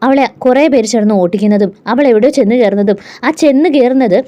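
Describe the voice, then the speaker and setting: A woman's voice: fairly high pitch, brisk, warm tone, natural voice. A woman storyteller voicing a worried older father who speaks earnestly and resolutely.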